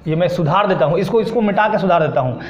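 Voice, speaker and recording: A man's voice: sits high, animated, quick pace. A man teaching a classroom lesson, drilling students with repeated questions and answering them himself. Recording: echoey room, dull sound.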